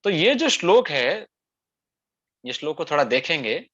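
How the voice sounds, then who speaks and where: A man's voice: fairly high pitch, very animated, measured pace, a bit bright, slightly rough. A man preaching a scripture discourse in a conversational way, often tagging lines with rhetorical asides. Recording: dull lo-fi sound.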